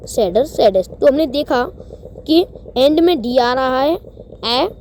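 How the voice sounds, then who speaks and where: A woman gives a grammar lesson at a deliberate, unhurried pace. Her high, mellow voice reads each rule out slowly before she explains it step by step. A faint noise sits behind the recording. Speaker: English grammar teacher.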